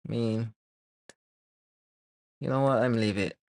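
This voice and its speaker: A man from Barbados, streaming live as a 3D artist, chatting casually and thinking aloud with many pauses and fillers while he works. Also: medium pitch, gravelly, no room sound. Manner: relaxed, rambling, thinks aloud with many ums.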